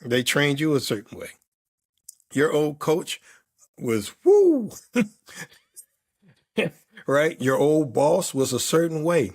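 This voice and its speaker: A man's voice: a little high, sing-song, takes it slowly, long pauses. A man in his fifties or older, a performance coach answering interview questions in an emphatic, reflective way, stacking repeated words in lists.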